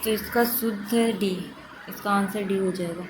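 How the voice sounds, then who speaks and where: A woman's voice: medium pitch, normal speed. Woman teaching exam spellings, noisy recording. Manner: steady explanatory, repeats correct forms for emphasis. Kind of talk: exam question walkthrough lesson.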